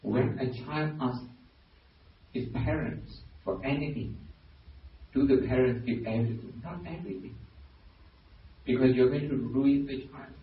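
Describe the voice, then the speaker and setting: A man with a Burmese accent, a Buddhist monk giving a dharma talk, pausing and restarting often as he searches for words. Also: medium pitch, a little hiss or hum. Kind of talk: dharma talk to a lay audience. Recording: very echoey hall, distant mic, dull lo-fi sound.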